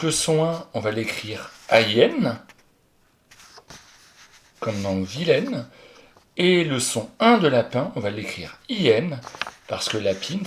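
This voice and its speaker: A man's voice: mid-range voice, fairly bright tone, a little hiss or hum. A man teaching a young pupil, going through spelling exercises and talking straight to the child, often stopping to correct his own slips. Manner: talks directly to the child, chatty, corrects himself aloud. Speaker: primary school teacher.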